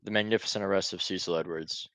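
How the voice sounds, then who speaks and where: A man's voice: low voice, fairly even intonation, fast talker, vocal fry, fairly bright tone, dry recording. A young man hosting a casual podcast chat, laughing often and swearing loosely. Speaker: podcast host.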